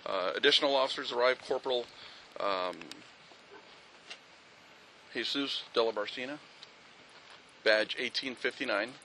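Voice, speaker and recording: A man's voice: medium pitch, a little slow, long pauses, background noise. A man, a police officer, giving a methodical, factual incident briefing outdoors at a street scene, with frequent fillers.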